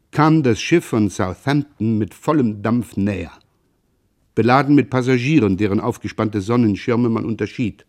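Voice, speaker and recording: A man giving a measured, expressive reading of a classic novel. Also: medium pitch. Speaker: reader. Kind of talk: literary reading.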